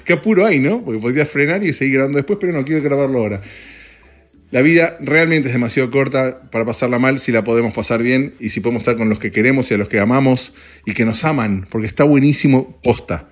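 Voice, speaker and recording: A young man with an Argentine Spanish accent stands in an office, rambling casually for his podcast in a voice-note style chat. He jokes, swears casually, and jumps between topics, speaking fast at a medium pitch.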